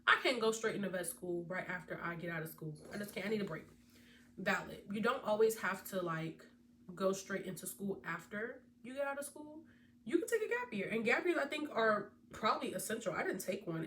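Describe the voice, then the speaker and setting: A woman's voice: medium pitch, recorded from a distance. A young woman in her twenties talks casually and animatedly, giving viewers advice as a vet student. She sits a little away from the microphone, and faint background noise hums underneath. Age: 20s. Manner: chatty, animated, speaks directly to viewers. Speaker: veterinary student vlogger.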